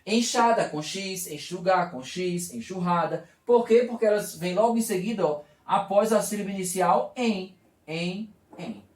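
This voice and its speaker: A man's voice: high-pitched, measured pace. A man teaching a video lesson, explaining step by step and asking and answering his own questions. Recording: echoey room, voice from far off.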